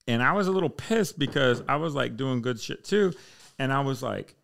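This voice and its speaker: Animated and gravelly, a thirty-something fire chief speaks at normal speed in a mid-range, fairly bright voice. He rambles through stories on a casual podcast, laid-back and swearing without a second thought.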